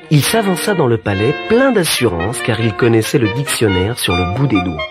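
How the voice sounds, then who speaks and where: Brief: lively, slow-paced male storyteller for a kids' tale tape, music underneath. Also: mid-range voice. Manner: gentle, expressive storytelling. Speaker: narrator. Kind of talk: scripted storybook narration. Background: music bed.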